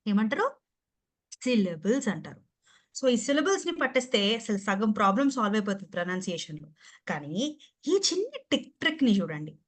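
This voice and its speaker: A woman's voice: mid-range voice, sing-song, a little fast. A woman with a Telugu accent teaching pronunciation in an online class over a video call, playful and teasing as she quizzes her students. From Andhra Pradesh or Telangana, India. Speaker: English pronunciation trainer.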